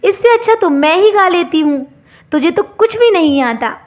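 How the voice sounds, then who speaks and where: A stern, sharp-tongued older mother-in-law from a storybook tale, as a woman narrator puts her on. She scolds in a high voice. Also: lively intonation, normal speed, lo-fi sound. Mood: scornful.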